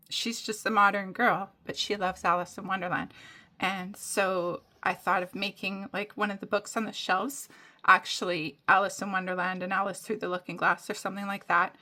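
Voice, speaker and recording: A woman with a mid-range voice and sharp tone chats casually on her coloring hobby vlog. In this show-and-tell, she rambles through her plans with lots of fillers and restarts.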